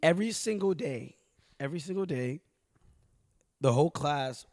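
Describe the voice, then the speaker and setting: A young man from Haiti chatting on a podcast, explaining at length and getting animated when he tells stories. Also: a little high, moderate pace, no room sound, studio quality. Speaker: podcast co-host. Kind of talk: casual podcast chat.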